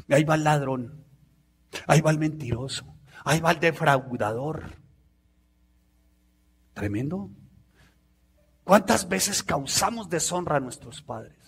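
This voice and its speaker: Preacher guy, middle-aged, raspy gravelly voice, dramatic sermon that jumps to loud bits. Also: mid-range voice, measured pace, pauses often. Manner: animated, acts out voices with sudden loud outbursts.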